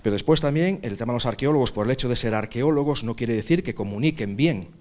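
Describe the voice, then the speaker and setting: A man from Galicia, answering questions at a workshop panel in a measured way, often pausing to find his words. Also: mid-range voice, a little mellow. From Galicia, Spain. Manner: measured, searching for words, frequent pauses. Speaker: workshop presenter, archaeological park director.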